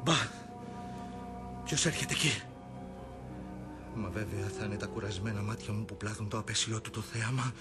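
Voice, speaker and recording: An actor playing Brutus, a troubled and commanding Roman general, in a theatrical radio drama, swinging between hushed talk and shouts. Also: male voice, fairly low pitch, pauses often, over loud music, natural voice. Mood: uneasy. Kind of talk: classic radio drama acting.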